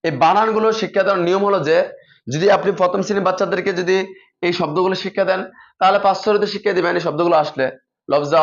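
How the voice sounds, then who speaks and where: A man teaching teachers how to drill children in reading, methodical and repeating set spelling patterns. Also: sits high. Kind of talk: instructional explanation for teachers. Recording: dull lo-fi recording.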